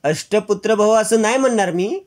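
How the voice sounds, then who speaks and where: A man's voice: high voice, moderate pace, darkish tone, pitched above the performer's own voice, natural voice. A man reading out the lines of a chatty, affectionate mother of the house. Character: warm motherly woman of the house.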